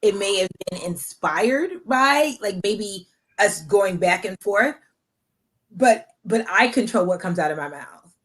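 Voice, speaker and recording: A woman's voice: medium pitch, animated, unhurried, fairly bright tone, low-quality recording. A woman hosting a casual chat, telling candid, self-mocking stories. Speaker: podcast host.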